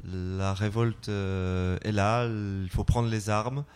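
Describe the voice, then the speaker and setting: A male author introducing and reading his own excerpt in a calm, deliberate way. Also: lowish voice, smooth. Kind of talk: measured literary reading.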